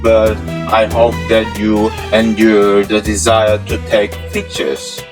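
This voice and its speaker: Reading slowly in a fairly low voice with a completely flat delivery, a man acts in a scripted amateur audio drama. His English is formal, stilted and non-native in its phrasing, with instrumental music underneath.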